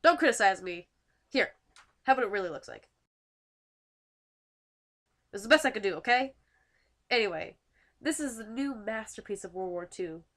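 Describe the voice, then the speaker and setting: A teenage girl with a nasal, stuffy voice, narrating a school project video in a chatty, self-deprecating way. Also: medium pitch. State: stuffy nose from a winter cold. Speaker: student YouTuber.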